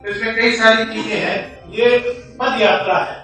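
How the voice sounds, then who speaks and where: Slow, high-voiced man in an echoey hall. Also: fairly even intonation, bright, forceful tone, far from the mic, soft background music. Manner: slow, emphatic address with long pauses. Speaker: party organiser. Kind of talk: political speech. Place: meeting hall.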